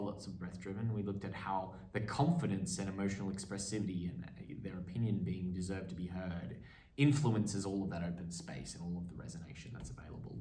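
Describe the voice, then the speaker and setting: A man's voice: low voice, a little mellow. A man talking through what he learned in a voice and accent class, hesitant with frequent ums and restarts. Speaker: acting student. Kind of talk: spoken reflection on a course. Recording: roomy echo, mic set at a distance.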